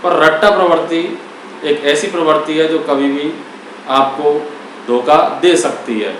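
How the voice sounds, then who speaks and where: This Hindi grammar teacher has a somewhat high, bright voice with a steady tone, and he explains at an unhurried pace, classroom-style, questioning and answering himself. Slight background noise can be heard, and the very echoey room leaves his voice far from the microphone.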